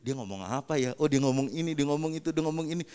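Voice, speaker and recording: Animated, slangy pastor in a reverberant hall. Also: male voice, fairly high pitch, fast, clean tone. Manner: animated storyteller, slangy, acts out quotes. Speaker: pastor giving testimony. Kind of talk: casual sermon testimony.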